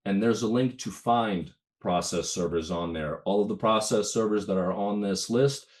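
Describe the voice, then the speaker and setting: A man's voice: on the low side, moderate pace. A man in his thirties from Ukraine, giving a casual webinar talk over a video call while getting over a cold, with many fillers and restarts. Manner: conversational, with frequent fillers and restarts. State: has a cold, itchy throat. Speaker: presenter at a bar webinar.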